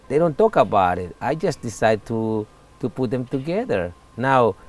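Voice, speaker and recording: A man's voice: medium pitch, darkish tone. Candid Salvadoran man in his forties. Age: 40s. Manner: earnest, candid, halting non-native English. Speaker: interviewee. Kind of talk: casual interview talk.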